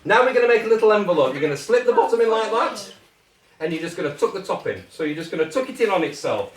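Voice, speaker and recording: Very animated and fast, with crowd noise around, a British kids' party magician walks children through a craft one step at a time. His medium-pitched patter is jokey and encouraging, dotted with quick check-in questions, recorded from afar in an echoey room.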